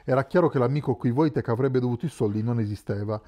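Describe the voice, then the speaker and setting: A man narrating a literary novel as an audiobook in a calm, measured way. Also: mid-range voice. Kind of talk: scripted narration.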